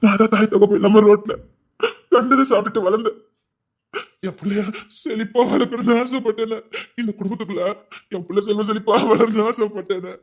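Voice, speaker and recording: An actor playing a tearful, remorseful brother, sobbing and stammering in a Tirunelveli Tamil accent, in a web-series family drama. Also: male voice, sits high, steady tone, fairly quick. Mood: grieving.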